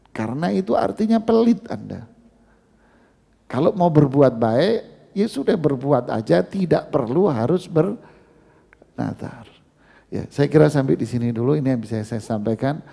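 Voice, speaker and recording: Lively, gravelly preacher man in a mosque hall. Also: medium pitch, unhurried, long pauses. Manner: conversational, addresses audience as "Pak", asks and answers questions. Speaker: Islamic preacher. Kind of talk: mosque study-circle lecture.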